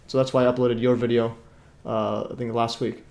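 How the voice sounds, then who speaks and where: A man's voice: medium pitch, flat delivery, brisk, gravelly, darkish tone. A tired man born in Iraq hosts a livestream, rambling with many fillers and restarts. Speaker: livestream host. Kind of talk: casual livestream chat.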